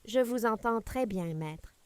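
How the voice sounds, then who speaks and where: Woman reading stern old lady, raspy gravel voice, icy and cutting, says each syllable sharp. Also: fairly high pitch, animated, unhurried, no room sound. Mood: cold, commanding. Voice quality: hoarse, gravelly. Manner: articulates every syllable, cutting. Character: stern elderly matriarch, icy and commanding.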